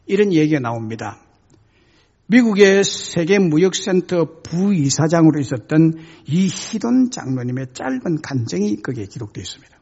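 A male pastor preaches, telling his stories dramatically with lively swings in pitch. His voice is rough and husky, with a gravelly edge. The recording sounds dull and lo-fi. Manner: dramatic storytelling with sudden emphatic swings. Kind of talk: sermon.

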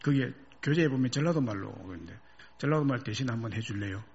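거친 목소리의 남자 목사, 감정적인 설교, 먹먹한 저음질 녹음. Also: male voice, medium pitch, lively intonation, quick pace, highs cut off. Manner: emotive, dramatic swings from loud to hushed. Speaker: pastor. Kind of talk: sermon storytelling.

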